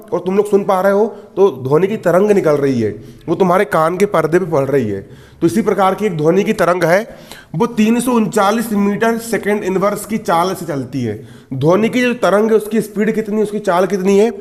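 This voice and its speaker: Young guy w/ teaching science, high voice, keeps quizzing the class and answering himself. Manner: repeats questions to the class and answers them himself; joking asides to students. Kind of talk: exam-prep lesson.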